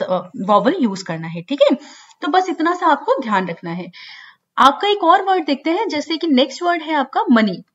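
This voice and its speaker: A woman gives an online shorthand lesson in a high, clear-toned voice, walking through each example and repeating the key points. The recording sounds a little dull and lo-fi. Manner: explains step by step, repeats key points with frequent "theek hai". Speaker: shorthand teacher.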